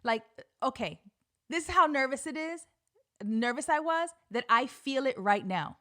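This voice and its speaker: A middle-aged woman with a slightly high voice tells a story on her podcast. She talks in a loose, animated way, laughing often and swearing casually. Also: a little slow. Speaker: podcast host.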